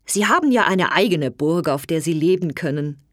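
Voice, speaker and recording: A woman voicing a foolish young knight who later repents, earnest and raised in pitch. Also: expressive, normal speed, no room sound, studio quality, lightly acted. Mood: devoted.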